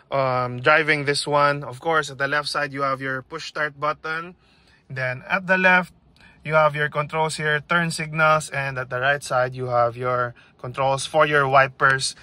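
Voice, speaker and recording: Bright-voiced man reviewing a truck. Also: on the high side, no room sound. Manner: upbeat, keeps addressing viewers as guys. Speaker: car reviewer. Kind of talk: walkaround car review vlog.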